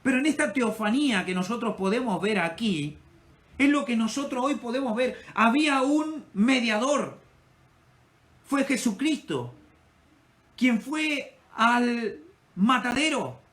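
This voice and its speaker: High-voiced impassioned male pastor preaching. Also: animated, unhurried. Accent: Ecuadorian Spanish. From Ecuador. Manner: impassioned preaching, rising and falling loudness. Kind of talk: sermon.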